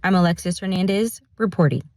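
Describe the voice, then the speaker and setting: Lady reporter doing a news package voiceover, lowish voice, dry and close. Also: a little mellow, no room sound. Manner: measured, polished. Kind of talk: scripted news narration.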